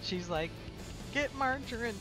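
A woman's voice: a little high, lively intonation, measured pace, over music. A woman playing a heavyset, self-mocking woman in a role-play game, giggly and breathless as she jokes. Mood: amused.

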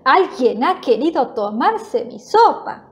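A woman voicing an irritable mama bear in a children's storybook, making sharp, exasperated complaints. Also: high-pitched, big pitch swings, slow, full character voice. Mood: irritated. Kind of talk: storybook voice acting.

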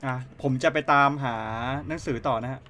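A young man commentating a horror game from home, cursing a lot and swinging from hushed muttering to loud yelling. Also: mid-range voice, steady tone, moderate pace, slight background noise. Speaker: game streamer.

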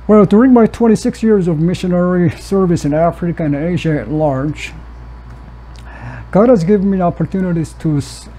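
Middle-aged man, high-pitched, mellow, measured conference lecturer, faint room hiss. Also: rough recording. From South Korea. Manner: measured, reads prepared text with occasional restarts. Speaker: missiologist lecturer. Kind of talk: academic conference presentation.

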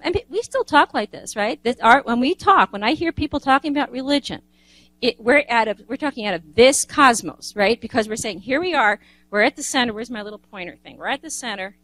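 A woman's voice: on the high side, fairly quick, a bit bright, low-quality recording. Chatty woman giving a lecture. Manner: conversational, frequent "you know" and restarts. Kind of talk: informal lecture with slides.

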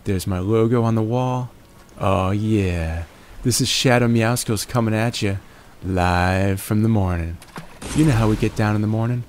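Playful gameplay commentary comes from a fortysomething man with a fairly low, slightly mellow voice, speaking a bit slowly. He banters like a morning DJ, goes off on tangents and addresses viewers as "baby" and "my friends," with a little hiss or hum audible.

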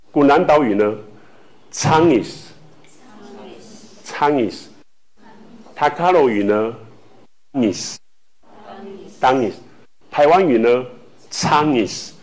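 Slow-talking man teaching in class. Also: mid-range voice, a little mellow. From Taiwan. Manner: slow, repeats words for students to echo; filler-heavy speech with frequent "hou" tags. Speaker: language teacher.

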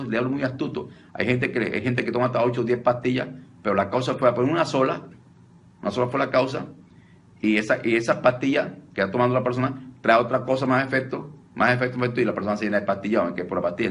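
A fast-talking man with a steady, mid-range voice that's a bit bright preaches on deliverance in an informal, chatty way. Slight background noise is present, and he often repeats himself, restarts, and refers to listeners as brother.

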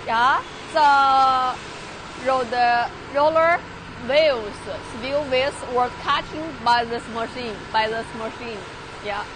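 A young Chinese woman touring a large factory workshop in halting English with a Chinese accent, repeating words and using many fillers, filmed on a handheld phone. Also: high-pitched, noisy background. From China. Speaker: factory tour guide. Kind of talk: live factory tour walkthrough. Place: large industrial workshop and outdoor factory yard.

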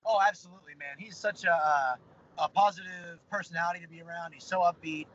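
Sitting in a parked car, a young fighter does an interview over a video call on his phone camera, upbeat and rambling with plenty of fillers. He talks fast in a fairly high, fairly bright voice with fairly even intonation. The audio is slightly dull, with a faint car hum.

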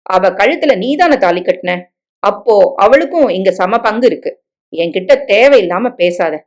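A woman's voice: medium pitch, lively intonation, unhurried, darkish tone, lightly acted. A woman reading the part of a middle-aged mother-in-law who fondly coaxes her daughter-in-law and scolds her son. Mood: stern. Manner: fond, coaxing, firm with her son.

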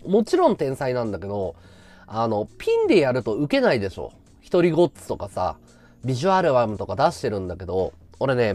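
A man's voice: medium pitch, a little mellow. A man hosting a casual livestream chat, talking freely and thanking viewers for gifts. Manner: chatty, reacts to viewer gifts. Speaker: livestream host.

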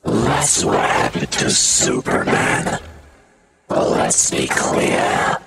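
A man doing an impression of a sinister, taunting scarecrow supervillain from a video game, with a breathy, gravelly rasp and a slow, menacing delivery. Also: sits low, big pitch swings, full character voice. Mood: mocking, menacing. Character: menacing scarecrow supervillain who feeds on fear. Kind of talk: villain character monologue, video game impression. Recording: loud background noise.

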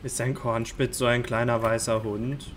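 A woman chatting casually on a stream, asking puzzled questions in a deadpan way. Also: extremely low pitch, normal speed, slight background noise. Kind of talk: casual gaming stream chat.

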